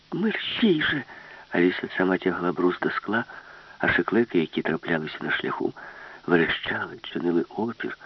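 Low-voiced male audiobook narrator. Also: dry recording, highs cut off. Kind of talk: scripted narration.

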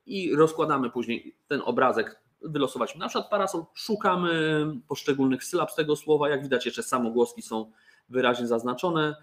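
This man, presenting board games for a toy company, has a medium-pitched, slightly bright voice and talks fairly quickly. He keeps things casual and jokey, full of fillers and restarted sentences.

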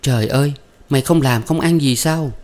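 A man voicing a loud, bossy old village mother who scolds her daughter. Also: on the low side, normal speed, natural voice. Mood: scolding.

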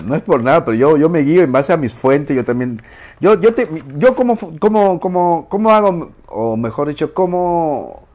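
This man hosts an online talk show aimed at women, chatting casually in a fairly high, slightly mellow voice. He's playful and teasing, laughs a lot, and acts out phrases as he goes.

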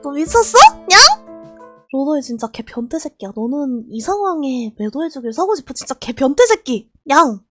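Very high-pitched shouty woman streamer. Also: big pitch swings, normal speed, soft background music. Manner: shouty, laughing, scolding viewers. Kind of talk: live game stream chat.

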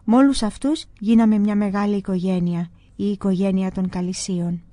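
A woman calmly reading a religious book aloud in the first person, in scripted narration. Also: mid-range voice, no room sound. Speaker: audiobook reader.

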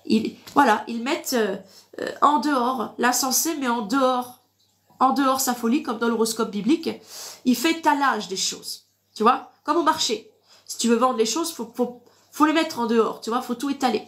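Reading Bible verses during an informal livestream, a woman preacher teaches in a repetitive, instructive style, marking each point with an amen. She speaks at a normal speed in a fairly bright voice on the high side, with a stuffy, congested sound from a blocked nose.

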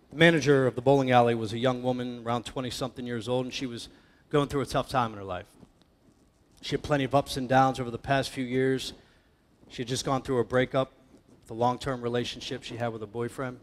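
A man preaching a sermon as pastor, with a dramatic delivery that swings between loud emphatic passages and hushed ones. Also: medium pitch. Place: church hall. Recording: church hall with long reverb.

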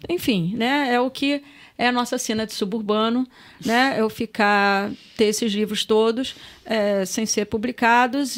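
Middle-aged carioca woman, high voice, chatty and emotional, swears casually on a podcast. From Rio de Janeiro, Brazil. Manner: lively, emotional storyteller who swears casually. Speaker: guest. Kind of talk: casual storytelling in a podcast chat.

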